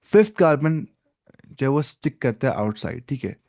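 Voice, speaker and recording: A man teaching biology in an online lecture, mixing Hindi and English, slowly explaining and asking questions he answers himself. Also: mid-range voice, sing-song, a little mellow. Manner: asks the class questions and answers them himself, repeats "ठीक है"; slow, stop-start explaining with fillers.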